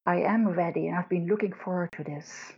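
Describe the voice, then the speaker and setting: Low, husky Dutch-accented woman. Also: fairly quick, darkish tone. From Netherlands. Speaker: guest co-host, leadership coach. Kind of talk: podcast interview talk. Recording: dull lo-fi audio.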